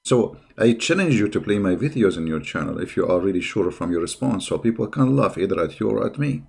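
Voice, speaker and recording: Low-pitched and expressive, his slightly rough, darkish voice moves a little fast with vocal fry. This combative, sarcastic man, not a native English speaker, runs a religious debate channel where he gives mocking reaction commentary laced with repeated rhetorical questions.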